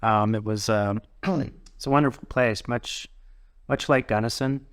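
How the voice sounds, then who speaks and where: Middle-aged man, university president as interview guest, thoughtful and halting, lowish voice, dry room. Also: no room sound. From Colorado, USA. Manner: thoughtful, halting, frequent restarts. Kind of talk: casual interview conversation.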